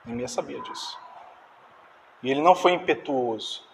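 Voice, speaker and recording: A man preaching a sermon in an animated way, acting out dialogue and directing the slides. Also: mid-range voice, normal speed, creaky, a little hiss or hum. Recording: distant reverberant church hall.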